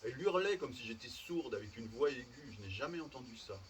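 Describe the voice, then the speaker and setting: A man reads short fiction aloud to an audience at an outdoor evening event, in a measured storytelling way. His voice is mid-pitched and picked up from a distance, with faint insect and night ambience behind it. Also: lively intonation, slight background noise. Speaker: reader. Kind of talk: public literary reading.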